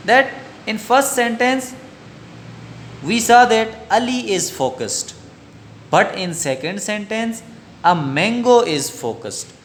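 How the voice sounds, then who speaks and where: A male teacher with a Pakistani English accent talks through a grammar lesson at an unhurried pace. His voice sits somewhat high for a man. He repeats each definition word for word so students can follow. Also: a little hiss or hum. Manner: slow, repeats key sentences twice. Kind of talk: recorded lecture.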